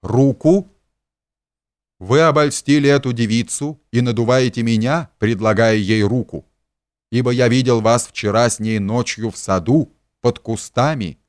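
Man playing a shrill, pompous self-righteous hypocrite. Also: unhurried, dry recording, studio quality, natural voice. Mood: shrieking. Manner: preachy, shrill and indignant.

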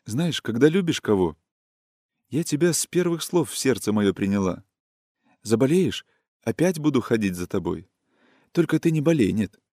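A man reading a storybook voices a gentle, wistful young woman who speaks in soft, caressing, sing-song folk speech. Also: medium pitch, very animated, moderate pace, long pauses, no echo, studio quality. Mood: tender.

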